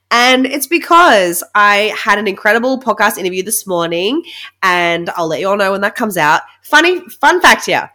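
A female podcast host with a stuffed-up, nasal voice and a medium pitch. She talks informally and emphatically, like a coach explaining ideas to her listeners, often checking in as she goes. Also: pushed and bright. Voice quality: nasal, blocked-nose voice. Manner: chatty, informal, emphatic with check-in tags like "right?". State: congested with a blocked nose. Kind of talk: casual solo podcast talk.

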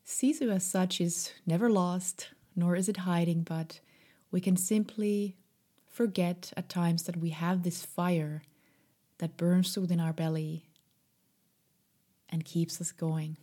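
A woman guiding a meditation in a soft, breathy, half-whispered voice, gentle, soothing and unhurried. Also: on the low side, steady tone. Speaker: meditation guide. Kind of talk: slow guided meditation.

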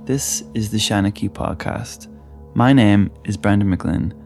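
A man's voice: on the low side, measured pace, creaky, a little mellow. A man hosting a podcast, giving a scripted introduction over spooky music. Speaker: podcast host. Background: spooky background music.

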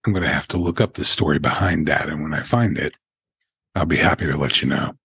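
An older man who hosts a paranormal podcast, telling stories in an unhurried way with asides, in a very deep gravelly voice. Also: a bit bright, no echo. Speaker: podcast host. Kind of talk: paranormal countdown narration.

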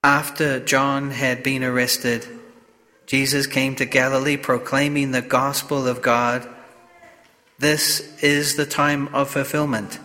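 A man, a priest, reading the gospel and preaching a homily at Mass in a slow, measured way, his voice carrying a cathedral echo. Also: mid-range voice, little pitch movement, pushed and bright. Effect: cathedral-like echo with long reverb. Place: church during Mass. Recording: long church reverb.

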